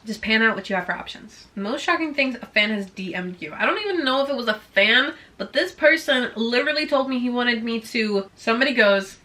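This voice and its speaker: Animated and fairly quick, with few pauses, this roughly twenty-year-old vlogger talks in a slightly high, bright, forceful voice. Swedish is her first language, and she breezes through a casual Q&A with viewers, bubbly and chatty with heavy use of "like".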